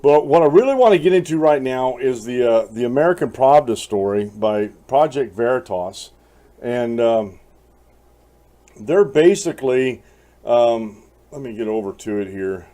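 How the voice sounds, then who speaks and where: A man's voice: medium pitch, lively intonation, measured pace, warm tone. A man hosting a casual political commentary show, rambling with restarts and fillers and speaking straight to his listeners. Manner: rambling, frequent restarts and fillers, addresses folks; chuckles while reading aloud.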